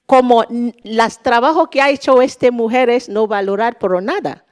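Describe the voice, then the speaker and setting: A Nigerian-accented woman giving an informal panel speech in halting, non-native Spanish, often searching for words. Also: fairly high pitch, darkish tone. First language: not Spanish. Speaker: panel speaker, activist.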